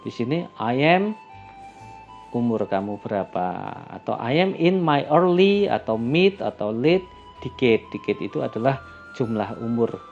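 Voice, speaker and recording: A man teaching a class, calmly explaining English greetings and introductions and slowing down for the example phrases. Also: mid-range voice, vocal fry. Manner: calm and explanatory, switching into slow, lifted voice for English example phrases. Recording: lo-fi recording with faint music.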